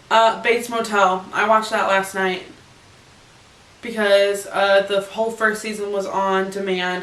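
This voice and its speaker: A young woman vlogging in a casual, rambling chat, giggling as she answers questions in her bedroom. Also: medium pitch. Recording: echoey room, camera far off.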